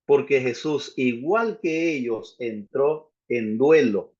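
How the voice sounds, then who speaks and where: A man's voice: medium pitch, slow, darkish tone, lo-fi sound. A man preaching a sermon as a pastor, building emphasis with rhetorical questions.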